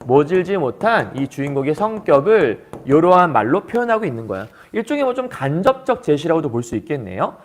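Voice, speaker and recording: A male literature teacher lecturing, animated and often asking questions to the class. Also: fairly high pitch, brisk, few pauses, slight background noise.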